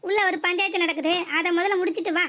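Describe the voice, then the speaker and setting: Woman doing a cheeky cartoon daughter with a southern tamil nadu accent, sarcastic comebacks, super high squeaky voice. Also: steady tone, fast, bright, forceful tone. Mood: mocking. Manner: mocking, sarcastic retorts. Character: sharp-tongued defiant young married daughter. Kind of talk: cartoon comedy dialogue.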